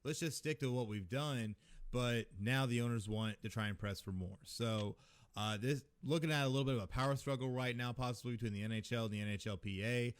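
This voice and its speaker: A man co-hosting a sports podcast in casual talk, chatty and quick to explain. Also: medium pitch, steady tone, clear, resonant tone. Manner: chatty, reads a promo. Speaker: podcast co-host.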